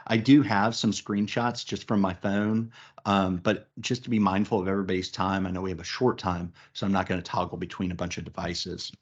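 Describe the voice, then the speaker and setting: A man leading a software webinar, chatty and upbeat, with many fillers and restarts. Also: sits low, level tone, brisk, highs cut off. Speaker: webinar presenter, recruiting practice lead. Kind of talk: casual business webinar presentation.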